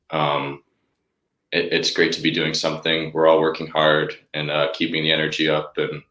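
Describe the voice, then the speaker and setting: A young man in his twenties, a college athlete guest, giving calm and reflective interview answers. His voice is extremely deep, and it rings with a roomy echo. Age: 20s.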